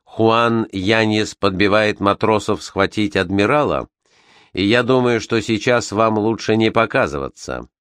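A man doing a hushed, urgent sailor. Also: fairly low pitch, unhurried, clear, resonant tone, no echo, clean studio sound. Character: cautious, protective male sailor.

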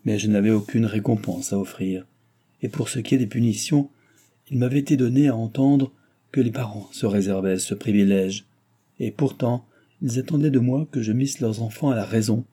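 A man reading a novel aloud as an audiobook narrator, in a measured, even storytelling manner. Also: mid-range voice, slightly rough. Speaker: audiobook reader.

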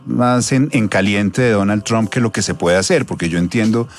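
A man's voice: fairly low pitch, normal speed. A man giving his opinions as a panelist in casual radio chat. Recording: music playing behind.

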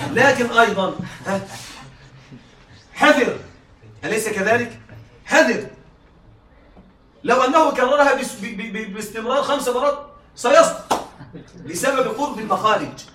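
A man's voice: very high-pitched, sharp tone. A male teacher giving a classroom lecture, often checking that his students are following. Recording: echoey room, mic far off.

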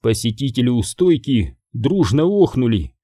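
A man narrates a fairy-tale adventure with a lively, widely moving voice. His tone is dark and mellow, and the close, dry recording has no room sound. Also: mid-range voice, moderate pace, breathy edge, no room sound. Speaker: audiobook reader. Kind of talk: storybook narration.

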